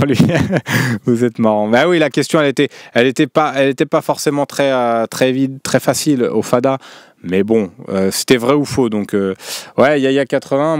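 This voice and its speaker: A man's voice: medium pitch, darkish tone, clear, resonant tone, no echo, studio quality. A man hosting a live show about a football club, chatting casually with many fillers and restarts. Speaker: show host.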